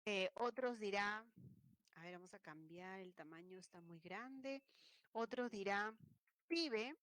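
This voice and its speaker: A woman's voice: mid-range voice, slow pace, a bit bright, no room sound. A woman teaching an online language lesson, explaining points and acting out regional ways of speaking. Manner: explanatory, acts out regional speech examples.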